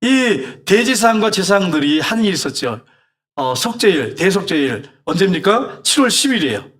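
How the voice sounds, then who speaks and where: A man's voice: high-pitched, sing-song, moderate pace, a bit bright. A middle-aged male pastor preaching a sermon, exhorting the congregation with scolding rhetorical questions.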